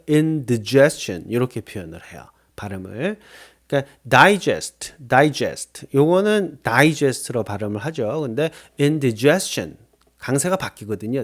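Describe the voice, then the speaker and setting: Animated man teaching English slowly. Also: mid-range voice. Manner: explains slowly, spells out words and drills pronunciation; asks rhetorical check-ins. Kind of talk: English lesson.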